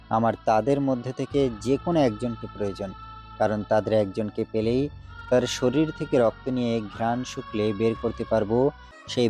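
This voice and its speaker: In a Bengali audio drama, a male voice actor plays a resolute, duty-bound demon hunter, delivering his lines earnestly and solemnly. His voice is natural and warm, sitting at a medium pitch, with faint music playing in the background.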